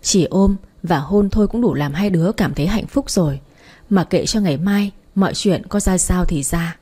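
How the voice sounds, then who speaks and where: Husky-voiced young woman telling her story. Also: fairly low pitch, moderate pace, mellow. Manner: intimate, confessional telling. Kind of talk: first-person story narration.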